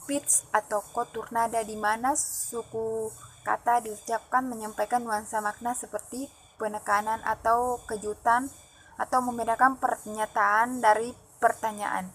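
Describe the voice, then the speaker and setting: A woman presenting phonology material as a student, reading her notes aloud and pausing often with fillers and restarts. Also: a little high, a bit bright, a little hiss or hum, low-quality recording. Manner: halting, with frequent "eh" fillers and restarts. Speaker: student presenting an exam assignment.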